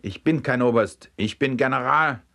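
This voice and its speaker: A man voicing a gruff, snarling older male general. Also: mid-range voice, lively intonation, normal speed, a bit bright. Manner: snarling, bellowing.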